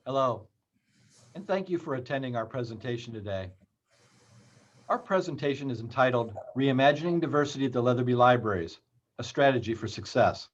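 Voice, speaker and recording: A man, a university library dean, reading a scripted conference presentation in a measured way. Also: medium pitch. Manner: measured, read-aloud delivery. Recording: slightly muffled lo-fi recording.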